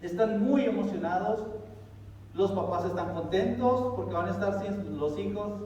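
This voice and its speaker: A man's voice: sits high, moderate pace, noisy background. A man tells a story from the pulpit in a conversational way. He often asks the audience questions. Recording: echoey hall from far off, dull sound.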